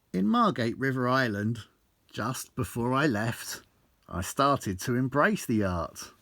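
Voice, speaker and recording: A man reads his own book aloud, reciting his life story in rhyme with a theatrical, blunt, sweary flair. His voice sits at medium pitch with a fairly bright tone, and there's no room sound.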